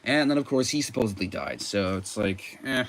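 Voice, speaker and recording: A man's voice: lowish voice, normal speed. Rambling man reviewing comics. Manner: rambling, with frequent fillers and self-corrections. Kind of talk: casual commentary.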